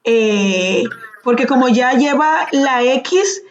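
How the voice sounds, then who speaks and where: Slow, patient woman teaching online. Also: high voice, animated, muffled recording, slight background noise. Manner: patient, questioning, calls on students by name. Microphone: computer mic on a video call.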